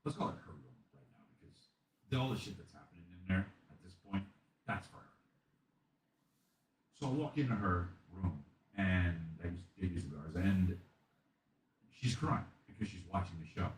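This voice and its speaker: A man in his thirties telling a comic story in casual, animated and profane style, often acting out voices. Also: low-pitched, normal speed, long pauses. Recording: echoey room, distant mic, faint noise.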